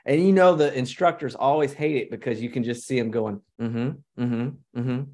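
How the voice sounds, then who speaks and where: A man's voice: mid-range voice, lively intonation, brisk, darkish tone. A man co-hosting a podcast, arguing his opinions in casual chat. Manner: opinionated, argumentative. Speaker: podcast co-host.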